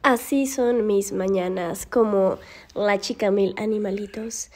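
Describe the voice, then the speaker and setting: A woman's voice: medium pitch, fairly even intonation, a little slow, darkish tone. A woman, vlogging casually to camera about her pets, playful and often squealing and laughing. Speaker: pet vlogger. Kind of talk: casual vlog talk to camera.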